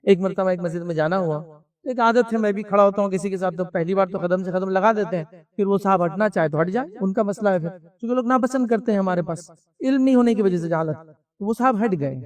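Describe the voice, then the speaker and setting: A man's voice: sits high, darkish tone, distant mic. A man giving a conversational religious lecture, asking rhetorical questions and answering them himself. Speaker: Islamic lecturer.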